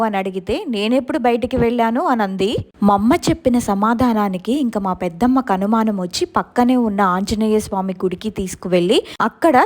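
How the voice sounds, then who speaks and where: A woman steadily telling a true ghost story in the first person. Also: mid-range voice.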